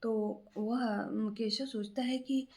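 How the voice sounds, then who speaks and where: Soft-toned woman telling a story. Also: fairly high pitch, fairly even intonation, slow pace. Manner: unscripted, many fillers and restarts. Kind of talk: casual spoken storytelling.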